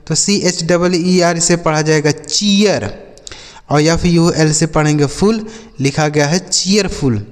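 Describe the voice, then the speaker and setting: Male tutor, high voice, long reverb, spells slowly, quizzes and repeats for young learners. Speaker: English teacher. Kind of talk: spelling-out English reading lesson.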